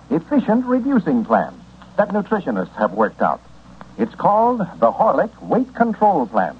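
A man working as a radio announcer, giving a folksy, upbeat sponsor pitch and scene-setting narration on an old-time radio show. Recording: scratchy, muffled old-time radio broadcast.

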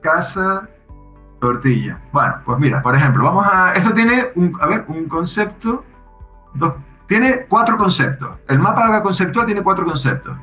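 A man casually explaining how his software works, thinking aloud with frequent restarts. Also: sits high, big pitch swings, normal speed, echoey room, soft background music. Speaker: software developer guest.

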